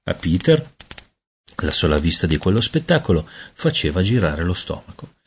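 A man narrating a children's storybook aloud in an expressive storytelling manner. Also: deep voice, normal speed, husky. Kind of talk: audiobook narration.

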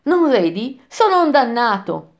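A woman's voice: on the high side, sing-song, a little slow, pitched above the performer's own voice. An arrogant, furious sinner rises from the muck and challenges the traveller, voiced by a woman narrator. He sneers and defies, in a raised, strained voice. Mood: defiant. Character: arrogant wrathful male damned soul in mud.

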